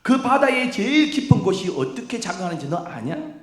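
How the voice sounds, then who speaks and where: A man's voice: sits high, big pitch swings, a bit bright, roomy sound, voice pushed up. A man acting out God as a stern male voice who fires question after question at a sufferer, scolding and interrogating. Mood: stern, challenging. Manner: rapid-fire, scolding, interrogating.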